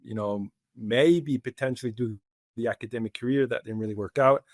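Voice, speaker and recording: A middle-aged man from Switzerland, a guest speaking in a relaxed, conversational way with frequent laughs in a podcast interview. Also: medium pitch, no room sound, studio quality. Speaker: guest, head of organizational development.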